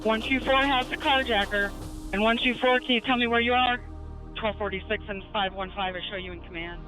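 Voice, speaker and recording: A middle-aged woman police dispatcher speaking over police radio, calm and measured, repeating key details. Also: on the high side, faint music behind, low-quality recording. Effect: police radio transmission. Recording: archived police radio audio.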